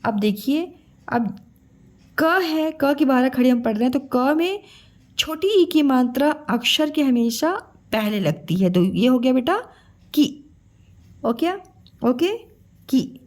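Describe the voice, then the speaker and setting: A woman teaching young children to read, stretching syllables slowly and calling the listener "beta". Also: sits high, animated, a little mellow. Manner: slow, drawn-out syllables for children. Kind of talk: children's Hindi lesson.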